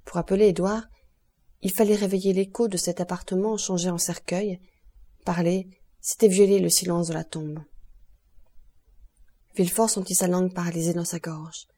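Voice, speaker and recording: A woman narrating a classic novel as an audiobook, in a measured, expressive reading. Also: on the low side.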